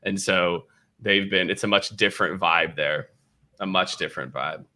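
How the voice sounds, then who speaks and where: An American host from Kansas City runs a casual livestream chat, speaking informally and repeating phrases for emphasis. His voice is low, pushed and bright, at normal speed.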